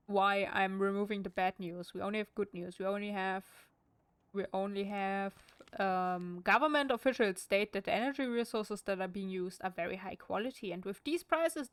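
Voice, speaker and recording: A woman's voice: mid-range voice, clear, resonant tone, no room sound. A woman with a German accent streaming a game at home, reading in-game text aloud with wry, chatty asides.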